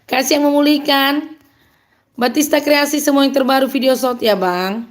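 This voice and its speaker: A woman's voice: high-pitched, fairly even intonation, moderate pace. A woman from Medan with a Medan accent, hosting a live stream in an upbeat, chatty way, reading out and answering viewer comments and laughing often. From Medan, North Sumatra.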